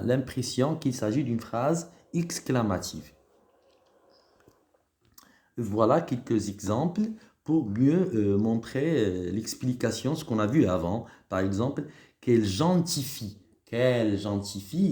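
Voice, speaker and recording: A man's voice: lowish voice, mellow. A male schoolteacher giving a patient recorded grammar lesson to pupils, often repeating and restarting words as he explains.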